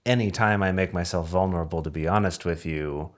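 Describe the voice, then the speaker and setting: A man's voice: low voice, a little fast. A young adult man co-hosting a podcast in casual chat, explaining things at length in an easygoing way. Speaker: podcast co-host.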